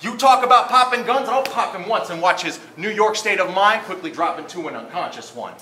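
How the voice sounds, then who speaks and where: A man's voice: high-pitched, lively intonation, fairly quick. A man from Arizona spitting a taunting, punchline-driven battle rap verse in front of a crowd. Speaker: battle rapper. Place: barbershop event space. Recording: echoey room with a loud crowd. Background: crowd reacting.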